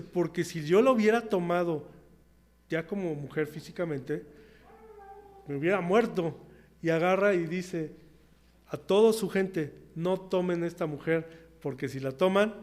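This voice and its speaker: Young man, chatty sermon, somewhat high voice, long church hall reverb. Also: a little mellow. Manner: conversational, asks the congregation questions. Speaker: preacher.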